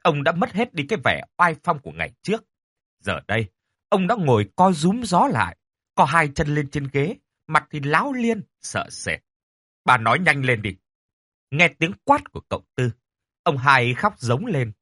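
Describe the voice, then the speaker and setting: A male storyteller reads a horror tale with a lively, swinging delivery. His voice is bright and husky, recorded close and completely dry. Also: a little high, normal speed, dry recording. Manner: expressive, dramatic. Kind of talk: dramatic horror story narration.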